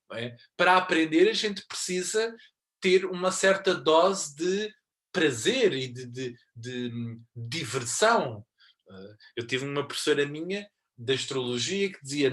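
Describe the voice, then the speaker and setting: A man with a European Portuguese accent giving an astrology lesson, explaining patiently and growing more animated as he stresses his points. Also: on the high side. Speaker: astrology teacher.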